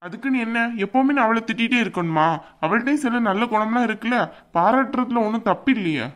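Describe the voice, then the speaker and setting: A woman's voice: on the high side, fast talker, natural voice. A woman voicing a young husband in a cartoon who blusters and threatens his wife. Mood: blustering. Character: bullying young husband, now cowed. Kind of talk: cartoon voice acting.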